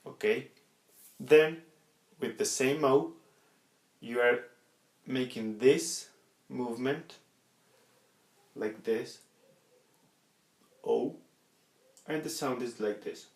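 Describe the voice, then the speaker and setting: An echoey room carries the voice of a man giving a practical lesson. He speaks slowly at a middling pitch, explaining each step haltingly and often repeating a word before going on. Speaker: instructor demonstrating body percussion sounds. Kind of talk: instructional demonstration.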